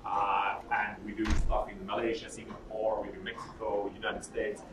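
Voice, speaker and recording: A man's voice: fairly low pitch, monotone, moderate pace. Man, 30s, casual joking workshop speaker, heard from afar in a roomy space. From Sweden. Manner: candid and joking, with frequent fillers. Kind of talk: informal workshop talk. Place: workshop room. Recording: roomy, distant mic, audible noise.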